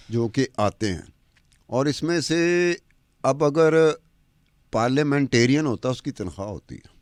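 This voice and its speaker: A man's voice: medium pitch, darkish tone, dry recording. Man firing rhetorical questions. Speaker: podcast commentator. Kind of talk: argumentative podcast talk. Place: studio with a woman anchor.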